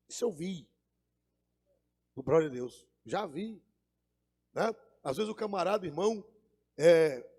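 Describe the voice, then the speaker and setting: A man's voice: sits high, a little mellow. A man preaching a fervent sermon, calling out to the congregation. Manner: fervent, call-and-response with the congregation. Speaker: pastor. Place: church. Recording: echoey church hall.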